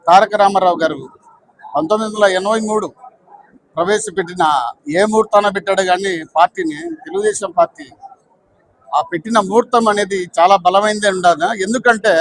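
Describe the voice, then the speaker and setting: A man speaks to a news camera. He talks in short, halting phrases, praising his party leaders. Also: high voice, poor audio.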